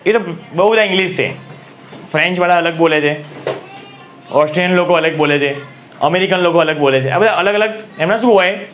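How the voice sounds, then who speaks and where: A man's voice: a little high, brisk, pauses often, a bit bright, faint music behind. A man with a Gujarati accent teaching English grammar to a class, asking questions and repeating key words.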